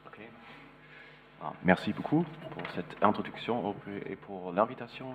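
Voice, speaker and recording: Man, German accent, non-native speaker, fairly low voice, halting lecture delivery, searching for words, thin phone-like recording. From East Germany. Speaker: visiting architect lecturer. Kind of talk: public lecture with slides. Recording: narrow, phone-like sound.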